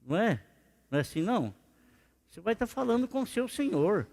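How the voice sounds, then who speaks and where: Male pastor, higher voice, chatty questioning sermon, echoing church. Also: sing-song, fairly quick, creaky, darkish tone. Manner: conversational preaching with rhetorical questions. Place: church sanctuary. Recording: reverberant church hall.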